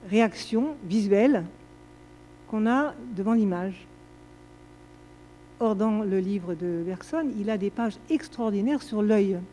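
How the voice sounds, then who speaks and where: An older woman answers a question from the floor at a lecture, wandering from point to point with plenty of fillers and restarts. Her voice is mellow and sits in a middle register. A faint hum and some noise run under the recording. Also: medium pitch, low-quality recording. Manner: digressive, lively, many fillers and restarts.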